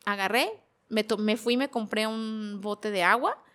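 A woman's voice: medium pitch, a little slow, fairly bright tone. A woman in her forties with a Mexican accent, telling an interviewer about her hard past, repeating words as she goes. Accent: Mexican Spanish. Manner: emotional, repetitive storytelling. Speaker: guest. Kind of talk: personal testimony in a podcast interview.

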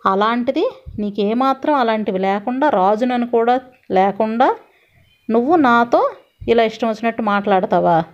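Domineering demon king, read by a woman storyteller, threatening, scolding, fairly high voice, dull lo-fi sound. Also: lively intonation, normal speed, natural voice. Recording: dull lo-fi recording.

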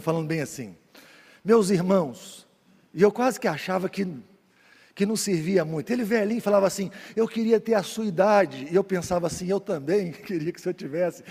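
High-voiced mineiro preacher in a reverberant hall. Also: male voice, creaky, breathy edge. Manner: lively storyteller, swings from loud preaching to quiet asides. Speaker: pastor. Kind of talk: storytelling sermon.

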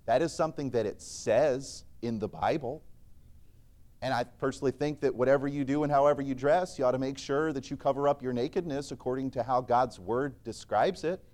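Preaching in a church, a man with a medium-pitched voice talks a little fast. He is earnest and emphatic, moving between loud and soft, and quotes scripture in archaic wording.

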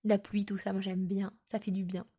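A woman's voice: mid-range voice, little pitch movement, moderate pace, dark tone, slight background noise. A woman chatting casually about books she has read and plans to read, with many fillers and restarts. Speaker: book vlogger. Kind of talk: casual book chat.

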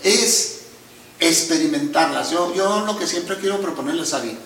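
Middle-aged man, therapist guest. Calm, teacherly, a touch higher than most men, heard from a distance in an echoey room. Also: a little hiss or hum. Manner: calm, measured, teacherly, often addresses listeners. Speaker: psychotherapist guest. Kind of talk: explanatory conversation.

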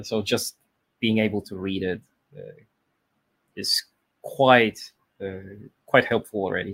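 A thirty-year-old Polish man, whose first language is Polish, chats casually as a podcast guest in a lowish, fairly bright voice. In this relaxed interview he rambles, using fillers and restarting sentences.

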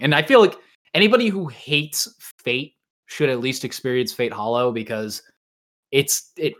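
Talking informally about his hobby of visual novels and anime, this male podcast host tends to hedge what he says. He speaks at a medium pitch with a fairly bright sound.

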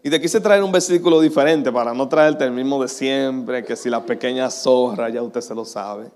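Chatty pastor preaching. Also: male voice, medium pitch, normal speed, darkish tone. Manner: chatty, self-deprecating, laughs often. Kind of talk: sermon.

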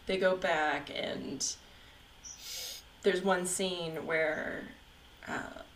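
A woman's voice: low voice, a little hiss or hum, low-quality recording. A young woman chatting casually, recapping a story and acting out the characters' lines. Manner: animated retelling, acting out quotes.

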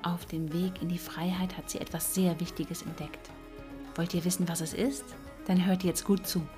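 A woman narrating a children's story in a gentle, soft-spoken way, sometimes dropping to a whisper. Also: on the low side, level tone, normal speed, music in the background.

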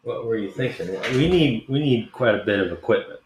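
A man's voice: mid-range voice, lively intonation, fairly quick. A man playing a character in a tabletop game, talking in a laid-back, hesitant way. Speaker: player. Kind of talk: casual tabletop play. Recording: echoey room with faint noise.

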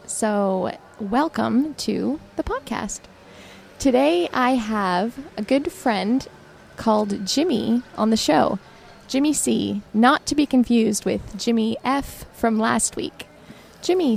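A woman's voice: fairly high pitch, takes it slowly, creaky, darkish tone, slight background noise. A woman hosting a podcast in a casual, chatty style. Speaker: podcast host. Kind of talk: casual chat.

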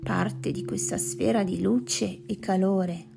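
A woman guides a meditation at a very unhurried pace, her soft voice often dropping into a whisper. Her tone carries a gravelly edge. Plucked guitar music plays clearly behind her. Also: mid-range voice, fairly even intonation. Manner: slow, soft, partly whispered delivery.

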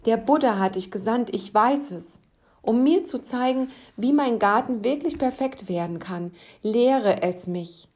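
A woman's voice: medium pitch, slow pace, long pauses, darkish tone, breathy edge. A woman doing an anxious young monk, pleading. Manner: stammering, pleading, begging. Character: anxious, devoted young male monk pleading with his master.

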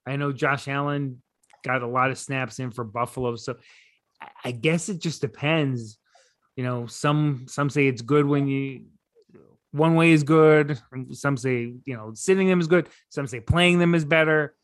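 A man co-hosting a casual sports podcast, relaxed and rambling with lots of fillers and restarts. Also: mid-range voice, unhurried, no room sound, clean studio sound. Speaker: podcast co-host.

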